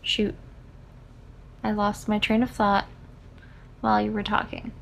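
A woman chats easily about a book on a podcast, tossing in quick asides as she goes. Her voice sits at an everyday middle pitch. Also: monotone, gravelly, a bit bright, a little hiss or hum. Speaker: podcast co-host. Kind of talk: casual chat about a book.

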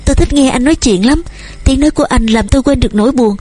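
A shy, gentle young woman painter speaks softly with a teasing sweetness and a lifted, high pitch, as a woman narrator puts her on. Her voice is dark-toned and husky. Light music plays behind her in this storybook reading. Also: fast. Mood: tender. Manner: soft and sweet, a little playful.

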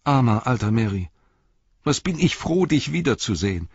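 A man reading aloud and voicing an eager, worried young male hobbit in a higher, quicker voice. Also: very animated, a little mellow, husky, no echo, highs cut off. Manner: quick, raised and anxious.

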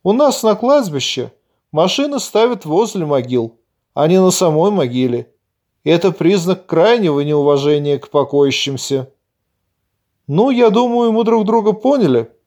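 Brief: male reader playing a prickly 48-year-old village man, raised pitch, quick to anger then smooths it over. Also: big pitch swings, darkish tone, full character voice. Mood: placating. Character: gruff 48-year-old village man, hot-tempered cemetery visitor.

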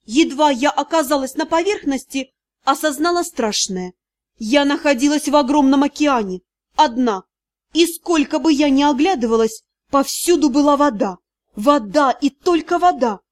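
A woman's voice: high-pitched, moderate pace. A woman reading a first-person fantasy audiobook with a dramatic, emotional delivery. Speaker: audiobook narrator.

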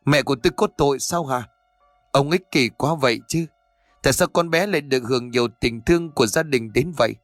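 A vengeful young daughter, bitter and accusing, rushing her words in a raised voice, as a male narrator puts her on. The voice is dry and close, with faint music underneath. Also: mid-range voice, dry recording, lightly acted. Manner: accusing, sharp, pleading.

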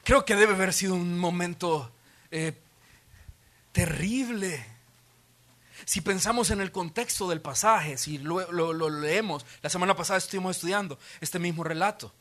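Man, pastor, sermon, high voice, bright tone, vivid storyteller, church auditorium. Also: normal speed. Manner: vivid storytelling, acts out quotes.

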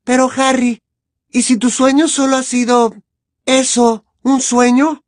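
A woman's voice: high-pitched, little pitch movement, unhurried, dry recording, studio quality. A woman voicing a clever, anxious teenage girl witch who talks with urgent earnestness. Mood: urgent, pleading.

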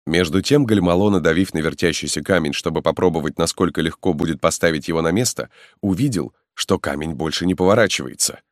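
A man narrating a novel in a measured, solemn reading. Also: deep voice, no room sound, studio quality. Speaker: audiobook narrator. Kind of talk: scripted narration.

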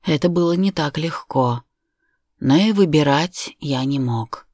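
A woman reads a first-person story aloud with measured, steady pacing. Her voice sits low, and the recording is close and dry. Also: dry recording. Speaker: audiobook narrator. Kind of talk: scripted narration.

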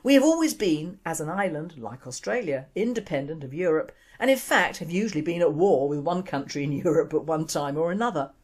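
A woman's voice: sits low, lively intonation, a little fast, hardly any pauses, darkish tone, slightly rough. A woman from the United Kingdom presenting opinionated commentary in a scornful, indignant manner. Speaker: show presenter.

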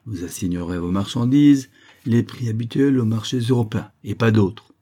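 Unbending captain-governor, curt and commanding, voiced by a male reader, husky tone. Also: on the low side, moderate pace, dark tone, close to an everyday voice. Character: firm army captain governor, calm and unbending. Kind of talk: audiobook character voice.

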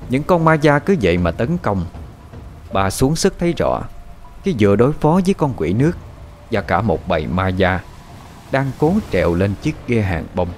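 A man narrating a horror story in a dramatic, expressive style. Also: lowish voice, normal speed. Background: faint background music.

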